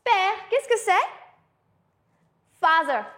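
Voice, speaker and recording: A woman teaching a beginner lesson, pronouncing words slowly and clearly, with playful asides. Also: extremely high pitch, very animated, a bit bright. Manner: slow, exaggerated pronunciation with playful asides. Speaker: French teacher. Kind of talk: language lesson mixing French and English.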